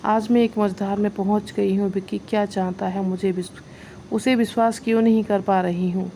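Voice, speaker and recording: A woman's voice: mid-range voice, little pitch movement, moderate pace, dark tone, slight background noise, lightly acted. A woman voicing a young woman who is emotional and wary in love, with a pleading manner, in a read-aloud story. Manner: pleading, tearful.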